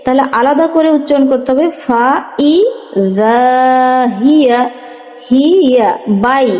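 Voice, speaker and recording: A woman teaching Quran reading, spelling out syllables slowly and then explaining the rules briskly. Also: sits high, mellow, lo-fi sound. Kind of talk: slow spelled-out recitation lesson. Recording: echoey room with long reverb.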